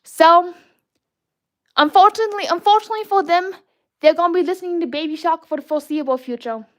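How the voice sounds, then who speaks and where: A woman with a high, youthful voice hosts a live art stream and chats casually while she draws. Her delivery is playful and childlike, with lots of false starts and restarts. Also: quick pace. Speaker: livestream artist host. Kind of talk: casual livestream chat while drawing.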